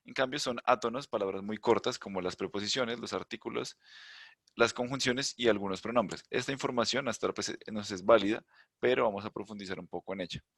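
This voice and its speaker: Man, low voice, online teacher, explains patiently, dry close sound. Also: brisk, vocal fry, a bit bright, no echo. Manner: explanatory, checks in with "¿listo?" and "¿vale?"; thinks aloud, hums while searching the screen. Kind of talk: online class lecture. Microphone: computer mic on a video call.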